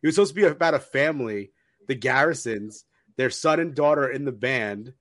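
A man's voice: mid-range voice, expressive, a little fast, fairly bright tone, dry recording, studio quality. A man co-hosting a podcast in casual conversation. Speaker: podcast co-host.

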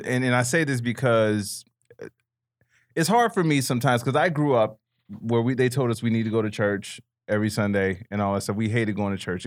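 A man in a casual panel discussion, talking informally and repeating phrases for emphasis. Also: medium pitch.

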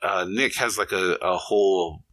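A man in his forties from Hawaii talks sports with a co-host, chatty and eager, tripping over his own restarts. His voice sits fairly low but sounds sharp and forceful, captured close on a podcast mic with a completely dry sound. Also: unhurried, no room sound, low-quality recording. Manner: chatty, enthusiastic, many restarts. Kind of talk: casual sports chat.

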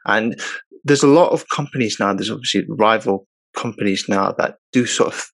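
A man hosting an interview podcast, introducing the show and asking questions in a relaxed, conversational way. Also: fairly low pitch, moderate pace, vocal fry, no room sound. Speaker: podcast host.

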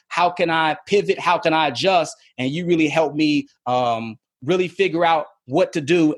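A middle-aged man, a guest on a podcast, talking eagerly and fluently about his work. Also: fairly high pitch. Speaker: guest, media trainer. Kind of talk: enthusiastic interview talk.

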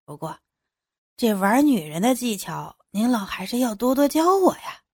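A woman voicing a crude, flattering younger man in an audio drama, with a lowered, fawning delivery. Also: normal speed, breathy edge, no room sound, clean studio sound, heavily acted.

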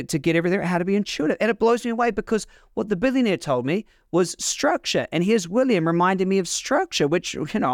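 A middle-aged man, hosting a podcast and telling a personal story in a lively way, stumbling over words and repeating them as he goes. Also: high voice, no room sound, clean studio sound. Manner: animated, repeats words, restarts often. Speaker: podcast host. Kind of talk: storytelling monologue.

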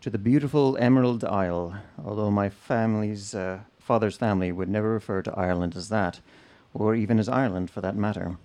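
A man from the United States telling a personal family story to an audience in a measured, explanatory way. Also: on the low side, a little mellow.

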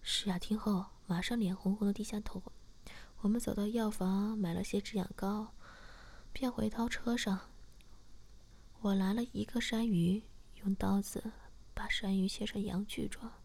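A woman narrating a whispered role-play story, steady and hushed. Her breathy, husky whisper stays at a middle pitch. She moves evenly from one line to the next. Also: measured pace.

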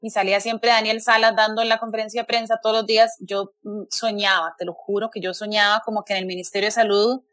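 A woman's voice: medium pitch, little pitch movement, quick pace, few pauses, fairly bright tone, no echo. A woman hosting a casual conversation, talking earnestly and often tagging her sentences with "¿verdad?" and "o sea".

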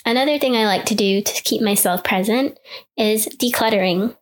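A woman podcast host leading a guided meditation in the soothing, unhurried, gently instructing manner of a sleep story narrator. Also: medium pitch.

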